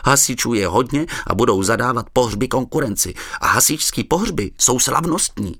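A man's voice: medium pitch, lively intonation, a bit bright, dry recording, studio quality, voice pushed up. A man voicing a small-town undertaker who is eager and fretting, spilling out ideas.

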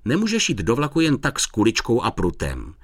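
A man voicing a patient but firm young mother in a storybook reading, speaking gently yet strictly. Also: mid-range voice, wildly swooping pitch, no room sound, clean studio sound, pitched above the performer's own voice. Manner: gentle, then stern.

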